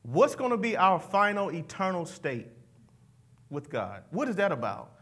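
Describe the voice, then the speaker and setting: A man's voice: sits high, huge pitch swings, moderate pace, fairly bright tone. A man preaching a sermon, leading the congregation in call-and-response and mixing in folksy asides. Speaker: pastor.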